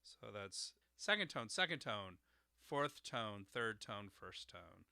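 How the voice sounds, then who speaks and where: Guy hosting a herb podcast, really bright forceful voice, dry close sound, spells stuff out, lots of uhs. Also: fairly low pitch, sing-song, takes it slowly, vocal fry, smooth, no room sound. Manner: explanatory, spells out words and tones with frequent uhs. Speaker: podcast host explaining herbal formulas. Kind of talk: solo educational podcast.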